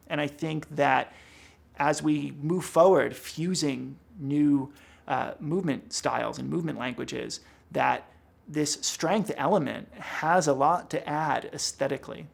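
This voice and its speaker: Director type, male, thoughtful and explanatory, rough gravelly tone. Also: fairly high pitch. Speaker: production director. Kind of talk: behind-the-scenes interview.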